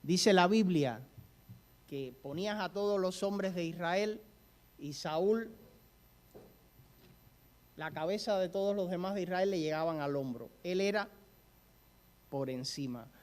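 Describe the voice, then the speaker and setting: Storytelling male preacher, slightly high voice. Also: a little slow, long pauses, darkish tone. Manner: storytelling, asks the congregation questions. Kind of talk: sermon.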